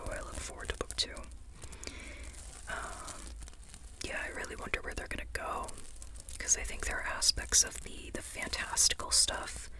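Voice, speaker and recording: In a breathy, unvoiced whisper, an ASMR creator rambles through an informal chat about books. The delivery is tentative, with phrases softly repeated.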